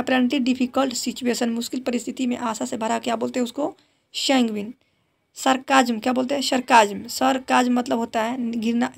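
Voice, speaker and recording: Woman teacher drilling vocab words over and over, slightly high voice with lots of gravelly fry. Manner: repeats each word with a drilling "what do we call it?"; mixes Hindi explanations with read-out English definitions. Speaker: English teacher. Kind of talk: exam vocabulary lesson.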